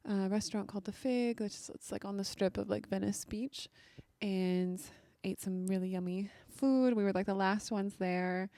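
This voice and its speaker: A young woman recounts her evening in a relaxed, rambling vlog style, leaning on "like" as she talks. Her voice is mellow with a gravelly fry. It is recorded close and dry. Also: mid-range voice, normal speed, no room sound. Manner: chatty, lots of "like" fillers. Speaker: vlogger. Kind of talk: casual storytelling.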